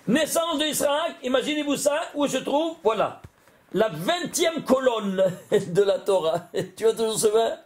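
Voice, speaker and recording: A man, a rabbi, giving an animated Torah lesson, often exclaiming and putting questions to his listeners. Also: very high voice, unhurried.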